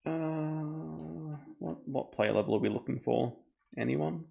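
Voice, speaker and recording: A man streaming a board game live, thinking aloud in a relaxed, chatty way. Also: fairly high pitch, slow, creaky. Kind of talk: casual live game commentary.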